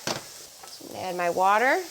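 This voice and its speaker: A woman presents a recipe in an informal, chatty way. Her voice is stuffed up and honking from lingering bronchitis, at a medium pitch. She talks straight to viewers with emphatic, everyday phrasing. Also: big pitch swings, moderate pace, noisy background. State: congested, honking voice from getting over bronchitis. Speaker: cooking show host. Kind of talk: casual recipe demonstration to camera.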